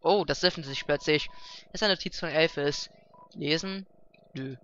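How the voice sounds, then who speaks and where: A man's voice: a little high, moderate pace, a bit bright, soft background music. A young man hosting a Let's Play, chatty and playful, commenting casually and translating game text as he goes. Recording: dull, faintly noisy home mic.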